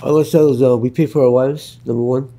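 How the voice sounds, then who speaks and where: A man's voice: medium pitch, fairly even intonation, fast talker, mellow, faint music behind. An older man from Canada telling his life story in an interview, blunt and plain-spoken. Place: outdoors in Los Angeles.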